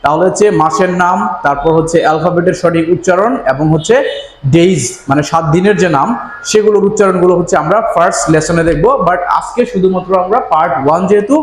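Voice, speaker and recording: A man teaching English pronunciation, slowly repeating each letter name as he switches between Bengali and English. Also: sits high. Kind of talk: slow bilingual lesson, drilling letter names. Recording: echoey room with faint ambient noise.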